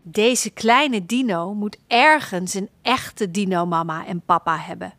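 A woman reading a children's story aloud in an expressive, playful narration style. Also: mid-range voice, a little slow, no echo.

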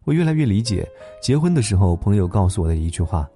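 A man hosting a late-night story program, narrating a gentle tale in a calm, tender way. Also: lowish voice, quick pace. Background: soft instrumental music.

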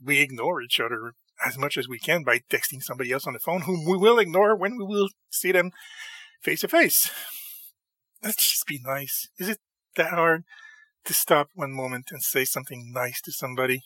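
A man's voice: on the high side, normal speed, bright, forceful tone, dry recording. A middle-aged man from Montreal, Canada, hosting his own podcast in a casual, earnest monologue. He has a slight lisp from new dentures, and he often corrects himself and laughs at his own slips. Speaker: podcast host.

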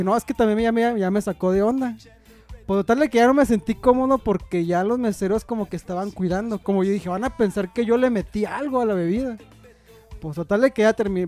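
Man, young, Mexican Spanish accent, high voice, casual rambling anecdote, slangy, faint background music. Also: a little mellow. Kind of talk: casual storytelling chat.

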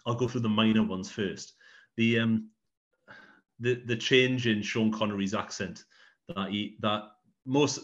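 A man's voice: fairly low pitch, fairly bright tone, lo-fi sound. A man co-hosting a casual film-review podcast, rambling and restarting his sentences. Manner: rambling, repeats words as he restarts. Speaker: podcast co-host.

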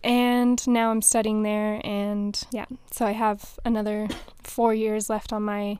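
A woman's voice: medium pitch, flat delivery, a little slow, a little mellow, clean tone, no room sound. A young woman from the United States, a podcast guest joking crudely and giggling. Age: young adult. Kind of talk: casual podcast chat.

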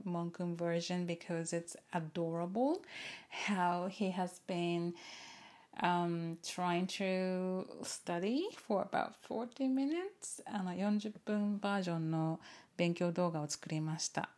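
Unhurried, lower-voiced woman chatting casually. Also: darkish tone. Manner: switches between English and Japanese, repeating herself in both; chuckles now and then while talking. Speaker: online English teacher and video host. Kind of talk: casual rambling chat to camera, unscripted.

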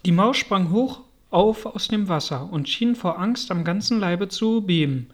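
A narrator reading a storybook aloud in a calm, even storytelling manner. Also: mid-range voice, a little slow. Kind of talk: audiobook narration.

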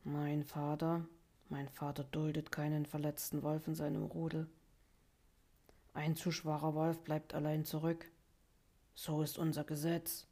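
A woman's voice: monotone, unhurried, dark tone. A woman voicing a proud, injured young male wolf in a storybook reading, brooding and terse. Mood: grave. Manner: brooding, terse, low-spoken.

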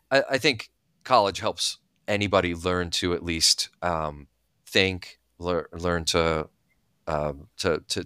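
A man's voice: low voice, a bit bright, clear, resonant tone, no room sound, studio quality. A man in his thirties, originally from Bulgaria, talking candidly as an interview guest. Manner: thoughtful, candid, many fillers. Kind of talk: casual interview talk.

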